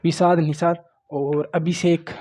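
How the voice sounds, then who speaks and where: A man's voice: on the high side, flat delivery, slow pace, darkish tone. A man teaching grammar at a board, often saying "look" and "okay" to his students. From Rajasthan. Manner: repeats "देखो" and "ठीक है", coaxing and plain. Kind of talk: classroom lecture at a board.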